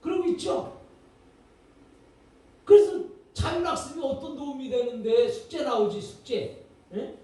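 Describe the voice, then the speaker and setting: A man's voice: very high voice, lively intonation, measured pace, long pauses, warm tone. A man giving a lecture on parenting, talking conversationally and quizzing his listeners with rhetorical questions. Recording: echoey hall from far off.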